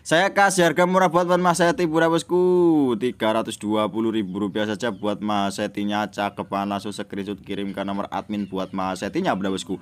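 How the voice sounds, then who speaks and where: A man sells plants in a casual pitch. He keeps up a repetitive patter, circling back over names and prices as he presents his stock. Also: fairly even intonation, a little fast, hardly any pauses. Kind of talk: casual live-style sales pitch.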